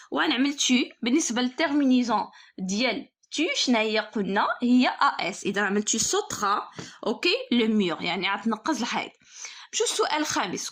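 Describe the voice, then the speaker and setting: A woman teacher speaks with a Moroccan Arabic accent and a fairly high voice. She works through an exam correction step by step, slowing down to read each French prompt before explaining it. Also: a bit bright.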